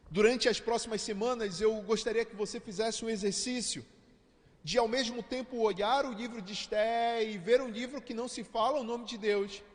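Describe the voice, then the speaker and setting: A man's voice: high-pitched, long reverb tail. A man with a Brazilian Portuguese accent, preaching a sermon as pastor in a conversational way, speaking straight to his listeners.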